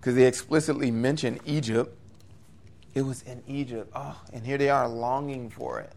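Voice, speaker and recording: A man preaching a sermon, his voice at a middling pitch. He talks in an earnest, conversational way, lifting his voice for emphasis and dropping into quick asides. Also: steady tone, creaky, darkish tone. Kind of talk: expository sermon.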